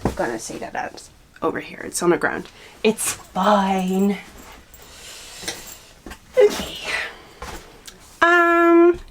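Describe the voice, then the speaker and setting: A young woman hosting a knitting podcast, chatting casually and thoughtfully with frequent pauses and a touch of nerves. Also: fairly low pitch, a little hiss or hum. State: a little nervous. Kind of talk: casual chat.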